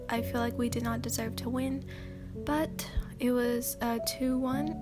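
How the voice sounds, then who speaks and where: Reading fan fiction for her ASMR channel, a high-voiced woman keeps a hushed, sleepy, level delivery over soft background music. She hesitates often, pausing on fillers and clearing her throat from time to time.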